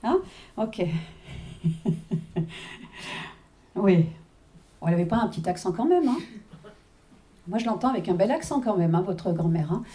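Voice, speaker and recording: A woman's voice: mid-range voice, expressive, a little slow, pauses often, dark tone. A woman working as a medium at a live reading, chatting with the audience, checking in constantly and laughing often. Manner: chatty, constant "hein" and "d'accord" check-ins, frequent laughs.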